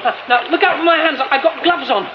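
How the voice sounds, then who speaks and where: A man's voice: fairly high pitch, very animated, a little slow. An actor playing a nervy young theatre man, muttering to himself and stammering when flustered, in a radio drama. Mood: panicked. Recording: dull lo-fi radio recording with hiss.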